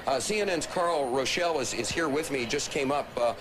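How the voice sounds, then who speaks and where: A man reporting live breaking news from the field, improvising in a halting, hesitant way with repeated words over a noisy outdoor feed. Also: mid-range voice.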